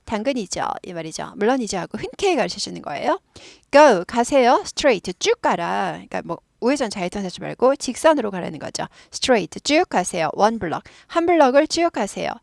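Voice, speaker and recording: A woman, a native Korean speaker, explains an English dialogue as a lively teacher who repeats phrases for drilling. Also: medium pitch, normal speed, creaky, no room sound, clean studio sound.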